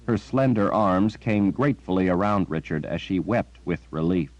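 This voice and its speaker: A male audiobook narrator with a very deep voice, reading in a measured storytelling manner. The recording is dry and close, with a somewhat dull, muffled tone. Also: no room sound. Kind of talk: scripted narration.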